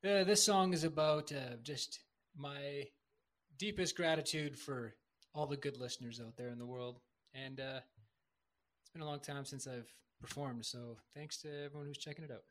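A man, a singer-guitarist, casually and haltingly introducing a song in a modest manner. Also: mid-range voice, fairly bright tone.

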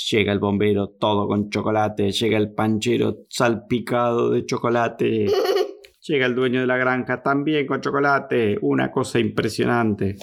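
Playful storyteller woman with a gravelly low voice. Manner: playful, full of sound effects. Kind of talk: improvised bedtime story for a child.

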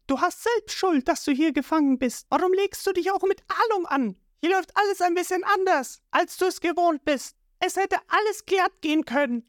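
Young woman thief, as a female reader puts her on, scornful, curt, high voice, dry close sound. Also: no room sound.

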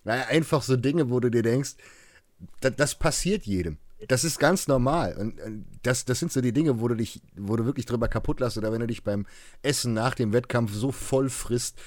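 A man in a casual group conversation, speaking loosely and haltingly with coarse wording. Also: mid-range voice, darkish tone, no room sound.

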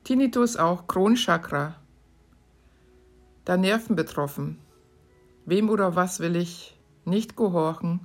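Slow, calm woman reading aloud. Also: fairly low pitch, soft background music. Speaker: podcast host. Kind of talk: reading aloud from her own book.

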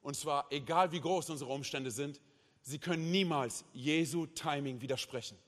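A male pastor preaching at a church service in an impassioned way, swinging between loud and hushed and tagging his sentences with "hey" and "oder?". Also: a little high, moderate pace. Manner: peppers speech with "hey" and "oder?" tags. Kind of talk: sermon. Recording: long reverb of a large hall.

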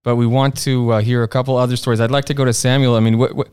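A man's voice: mid-range voice, little pitch movement, very fast, darkish tone, smooth, no echo. Man, panel host, faith talk, searching delivery, resonant voice, dry recording. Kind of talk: hosting a faith panel discussion.

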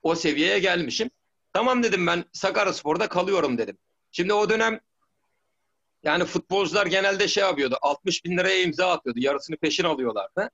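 A man's voice: high-pitched, animated, a little fast, fairly bright tone, lo-fi sound. A middle-aged man, a former footballer, telling stories in a rambling way, with many restarts and "tamam mı?" checks. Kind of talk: casual storytelling interview.

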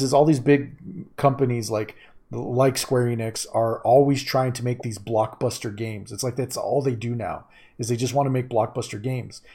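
Mellow-voiced man, emphatic and opinionated. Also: mid-range voice. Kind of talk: casual chat about video games.

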